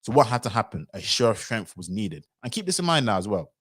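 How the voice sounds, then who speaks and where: Guy doing a livestream, low voice, talks super quick and animated. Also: slightly rough. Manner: animated, acts out quoted voices. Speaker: livestream commentator. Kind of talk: livestream commentary.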